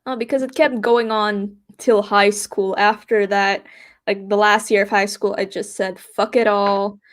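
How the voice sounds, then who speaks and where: A young woman hosting a podcast, sharing her experiences in an open, reflective way. She sometimes restarts her sentences as she works through her thoughts, and her voice sits at a middle pitch. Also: little pitch movement, moderate pace. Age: young adult. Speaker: podcast host. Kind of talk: candid personal conversation.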